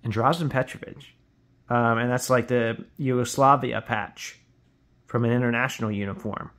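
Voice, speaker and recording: A podcast host with a steady, slightly bright mid-range voice does a casual unboxing of sports cards, explaining each item conversationally at normal speed as he shows it. The setting is an indoor tabletop filmed with a hands-only camera.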